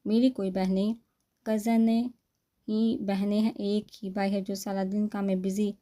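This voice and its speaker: A talkative young woman cousin, friendly and insistent, read by a woman narrator. Her voice is mellow and level, with little rise and fall, like a storybook read aloud. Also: medium pitch, flat delivery, close to an everyday voice. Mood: chatty.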